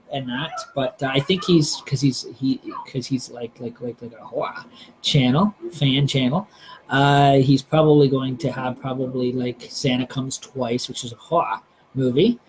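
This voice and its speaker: A man's voice: medium pitch, a little mellow, a little hiss or hum, poor audio. A man hosting a live stream, chatting casually and hesitantly, with many fillers and restarts. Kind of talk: casual rambling chat.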